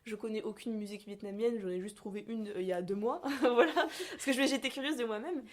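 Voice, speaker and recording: A woman's voice: on the high side, a little fast. A young woman from France talking casually, hesitant and full of fillers as she searches for her words. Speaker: podcast guest. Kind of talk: casual conversation.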